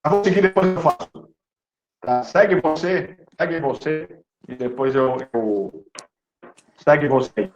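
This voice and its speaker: A man's voice: a little high, unhurried, pauses often. A man presenting an online lecture, his call audio breaking up and cutting out as he hesitates and repeats words. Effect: choppy online-call audio breaking up and cutting out. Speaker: webinar presenter. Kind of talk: online lecture, casual explaining. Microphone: computer mic on a video call. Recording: dull lo-fi call audio with faint music.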